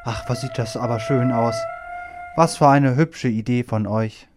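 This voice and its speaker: A man voicing a gentle, kindly male donkey in a children's radio play who talks slowly and is easily delighted. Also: mid-range voice, music in the background, lightly acted. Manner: slow, warm-hearted and easily delighted.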